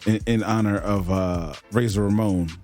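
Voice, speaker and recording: A man's voice: on the low side, steady tone, normal speed, dark tone, soft background music. A man co-hosting a casual podcast, running down his top five villains in a laid-back, drawling way. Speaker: podcast co-host.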